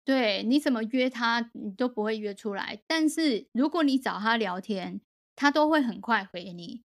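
Woman co-host, slightly high voice, casual and animated storyteller. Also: normal speed. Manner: animated storyteller, mixes in English words. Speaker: podcast co-host. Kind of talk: casual chat.

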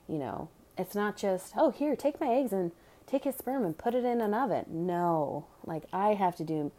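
Mellow, blunt woman telling a personal story. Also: low-pitched. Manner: chatty, blunt, sarcastic asides.

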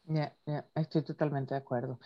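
A Venezuelan woman chatting casually in a lowish voice, telling her stories with lots of animation and frequent laughter. Her audio is dull and lo-fi, as if it comes through a remote call. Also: normal speed. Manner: animated storytelling, laughs often. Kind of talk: casual conversation.

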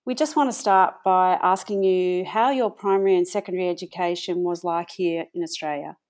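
A woman's voice: lowish voice, brisk, darkish tone. A woman hosting an interview, introducing her guest and asking brief, friendly questions. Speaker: podcast host.

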